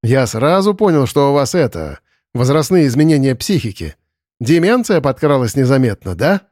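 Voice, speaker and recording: A man voicing a greedy, arrogant young man who talks down to people and flares up fast, in an audiobook. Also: very animated, darkish tone, dry recording, studio quality, lightly acted. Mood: indignant. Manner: condescending, then shrill and indignant. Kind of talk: audiobook character voice.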